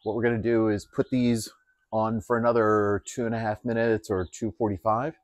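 A man calmly explaining how he marinates and grills chicken, step by step with plenty of fillers. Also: fairly low pitch, normal speed, no echo. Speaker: home cook. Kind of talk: casual cooking demonstration. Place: outdoors at a grill.

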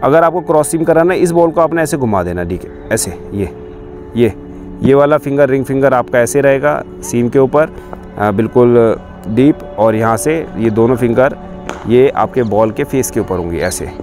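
A man in his thirties explains bowling grips step by step in an outdoor cricket coaching tutorial, demonstrating the grip on a ball as he goes. He speaks at a normal speed in a medium-pitched, darkish voice, captured by a lapel mic on a camera facing him, with faint music behind.

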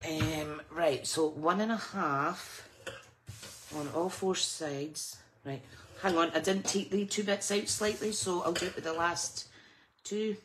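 Low-voiced woman with whistling s. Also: slow pace. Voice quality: whistling sibilant s sounds when speaking. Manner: informal, rambling, self-interrupting with small asides and sing-song filler. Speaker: host of a live papercraft class. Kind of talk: chatty live craft tutorial. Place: at a craft table indoors. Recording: clearly noisy with clicks.

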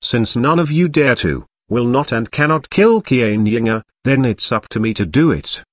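A man reading the lines of a quiet, resolute young woman cultivator in a soft, gentle, even voice. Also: medium pitch, normal speed, no echo, clean studio sound, lightly acted.

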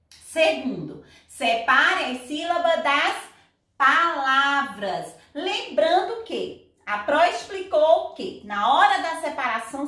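High-voiced teacher in echoey room. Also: female voice, a bit bright, recorded from a distance. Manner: patient, checks understanding with repeated questions. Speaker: Portuguese teacher. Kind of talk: recorded class lesson.

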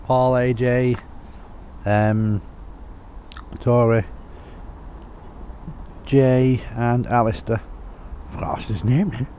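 A man in his forties with a Liverpool accent and a warm, steady voice draws out his words and leaves long pauses. A magnet fishing vlogger on a canal towpath, he gives casual running commentary to the camera, often muttering low and offhand to himself. It's recorded on a handheld or chest camera, with outdoor wind and background noise.

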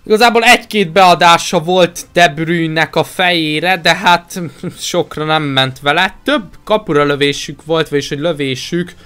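A man's voice: a little high, hardly any pauses, bright, forceful tone, smooth. A man with a Hungarian accent hosting a gaming video with casual, chatty commentary.

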